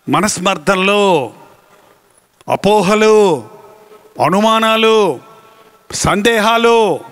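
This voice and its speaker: A man preaching a sermon, telling lively stories, acting out voices and sounds, and drawing out phrases for emphasis. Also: sits high. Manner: animated storytelling, acting out voices and animal sounds. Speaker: pastor.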